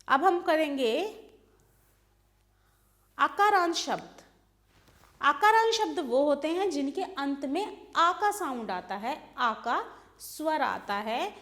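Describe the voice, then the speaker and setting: A woman, teaching a class by reciting grammar. Her voice sits high, and she reads out each word form slowly and in a steady rhythm, pausing between them.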